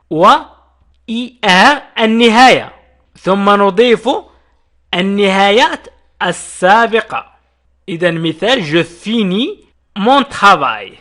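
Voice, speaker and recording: A man teaching a French lesson, spelling out verb endings letter by letter and slowly repeating each example. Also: high voice, a bit bright. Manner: addresses viewers directly. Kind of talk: video lesson.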